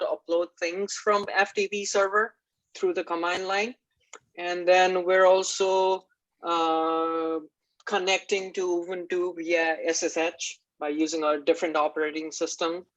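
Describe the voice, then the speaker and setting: A man's voice: sits high, poor audio. A young man from Nepal giving a class project presentation, walking through technical steps with many "like" and "uh" fillers. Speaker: student presenter.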